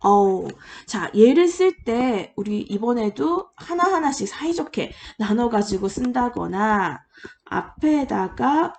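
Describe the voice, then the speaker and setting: A woman's voice: on the high side, expressive, slow, a little mellow. A woman lecturer patiently explaining, step by step, how to draw letters in an online language lesson.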